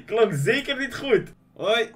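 A man's voice: very high voice, big pitch swings, slow pace, crowd noise. A man hosting a random video chat, teasing and mocking strangers and laughing often.

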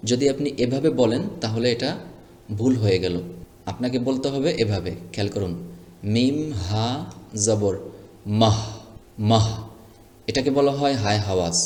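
A man's voice: mid-range voice, a little mellow. A man teaching Quran reading, spelling out syllables one by one and chanting short recited phrases. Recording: echoey room with long reverb.

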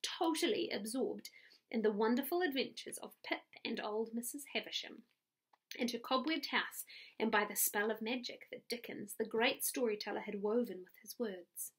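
A woman's voice: a little high, moderate pace, slightly rough. A woman with a New Zealand accent reading a chapter book aloud to children as their teacher, friendly and stopping for little asides.

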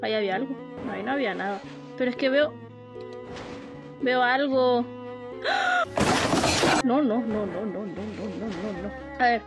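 A woman's voice: a little high, a little slow, pauses often, highs cut off, over loud music. A woman giving casual commentary while playing a horror game, easily frightened, shrieking and laughing nervously.

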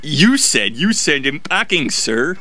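A man's voice: on the high side, sing-song, slow, exaggerated voice. A man voicing a polite, proper male tank engine with an earnest, respectful manner. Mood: hurt. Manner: earnest, respectful, loud and bright.

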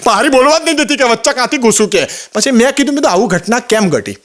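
A man with a Gujarati accent telling comic stories, quoting his father and others in quick exchanges. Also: very high-pitched, sing-song, a bit bright. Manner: rapid storytelling with quoted voices. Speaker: comedian. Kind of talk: stand-up joke telling.

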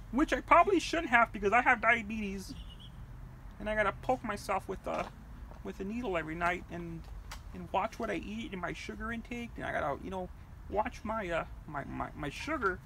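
A woman's voice: medium pitch, gravelly, slight background noise. A woman voicing a foul-mouthed, furious mother from a puppet world in a comedic vlog rant, cursing and rambling. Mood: grumbling. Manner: profane, shouting, rambling.

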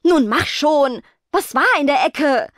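A woman's voice: fairly high pitch, measured pace, dry recording, clean studio sound, voice pushed up. A woman voicing an impatient steam-robot girl. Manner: impatient, excitable.

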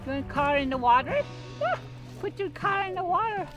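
A woman's voice: extremely high pitch, sing-song, moderate pace, rough recording. An older woman on a family outing at a lake, chatting playfully in a sing-song way with little grandchildren. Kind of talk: casual family chat. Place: outdoors at a lakeshore. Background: background music.

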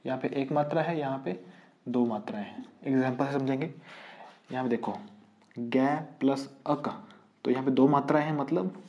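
A man's voice: medium pitch, fairly quick. Male teacher, exam-prep grammar lesson, drills with repeated questions, slightly dull audio. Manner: quizzes students, repeats rhetorical questions.

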